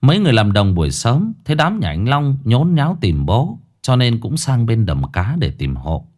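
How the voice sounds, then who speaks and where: A man's voice: medium pitch, huge pitch swings, moderate pace, a little mellow. A man narrating a ghost story, dramatic and blunt, with coarse slang.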